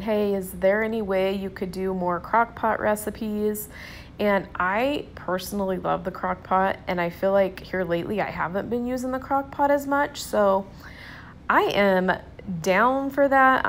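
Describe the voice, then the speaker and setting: A woman's voice: mid-range voice, slight background noise. A woman with a Southern US accent, a cooking vlogger, giving a chatty, upbeat voice-over and talking straight to her viewers. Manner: chatty, upbeat, addresses viewers as "you guys". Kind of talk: casual voice-over narration.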